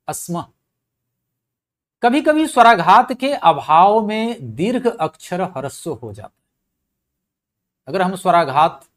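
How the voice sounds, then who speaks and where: Slow, stress-heavy male lecturer. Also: on the high side. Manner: explanatory, repeats key words and asks rhetorical questions; stresses example words loudly, then drops his voice. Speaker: Sanskrit linguistics lecturer. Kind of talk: classroom lecture in Hindi with English terms.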